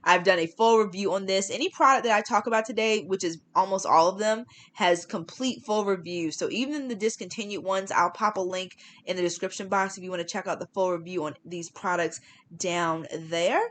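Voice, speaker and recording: A woman's voice: medium pitch, fairly quick, a bit bright, a little hiss or hum. A woman giving a casual, chatty tutorial voiceover in an informal way, leaning on words for emphasis. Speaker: hair care vlogger.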